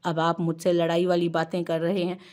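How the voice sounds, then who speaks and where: A coquettish young wife pouts and teases in a storybook scene, as a woman reads her out in a lowish voice. Her lines are playful and sulky, kept close to the reader's own tone. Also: completely flat delivery, fairly quick, darkish tone, close to an everyday voice. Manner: coquettish, pouting.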